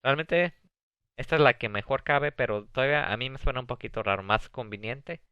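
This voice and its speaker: A man teaching an ESL video lesson, reading English example sentences slowly and explaining them in Spanish. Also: medium pitch, clear, resonant tone, dry recording. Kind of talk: recorded video lesson on comparative adjectives. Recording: dull, dry lo-fi sound.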